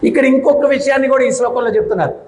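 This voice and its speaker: Man preaching a devotional talk, loud, keeps asking the crowd hmm?, boomy echoey hall. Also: rapid-fire. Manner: loud, with frequent questioning "hmm?" to the audience. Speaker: spiritual discourse speaker. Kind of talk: devotional sermon.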